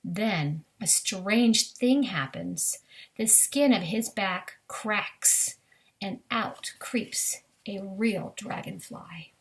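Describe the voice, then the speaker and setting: Reading a children's science book aloud, a woman with a mid-range voice draws out her words. She speaks straight to young listeners in a teaching manner and adds short comments of her own. The audio is poor.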